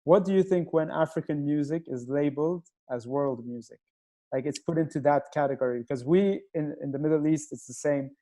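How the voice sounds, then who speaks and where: A man's voice: on the high side, fairly quick, warm tone. A man who grew up in Nigeria hosts a casual interview over a video call. He talks hesitantly and searches for his words. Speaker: host.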